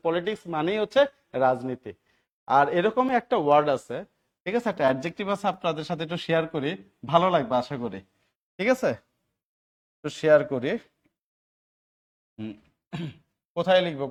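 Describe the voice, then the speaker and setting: A man from Bangladesh teaching a grammar lesson for job-exam students, who keeps asking the class short check questions and answering them himself. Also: fairly high pitch. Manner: grows louder and more emphatic while stressing points.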